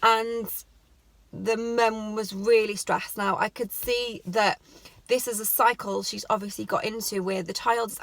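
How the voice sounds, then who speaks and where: A woman's voice: mid-range voice, fairly bright tone, no room sound, poor audio. A woman giving earnest parenting advice in a conversational vlog, full of "like" and "you know". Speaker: parenting vlogger. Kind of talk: advice vlog, talking to camera.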